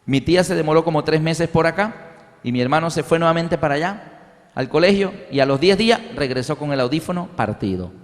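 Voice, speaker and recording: A man's voice: fairly high pitch, fairly quick. A man from Colombia preaching a sermon, telling a family story and acting out the voices in it. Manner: animated storytelling, acts out voices. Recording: reverberant hall.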